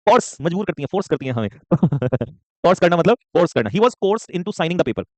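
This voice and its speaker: A man teaching a live online vocabulary class, joking and rapid, often checking in with students and calling them son. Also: a little high, very animated, no echo. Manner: joking, rapid, keeps asking "okay?"; addresses students warmly as son.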